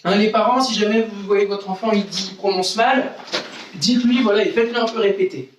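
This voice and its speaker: Male karate instructor leading children through drills, high voice, heard from off-mic in a very echoey room with faint noise. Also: brisk, far from the mic. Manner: counts out exercises, repeats "d'accord?". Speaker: karate teacher. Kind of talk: online kids' karate class.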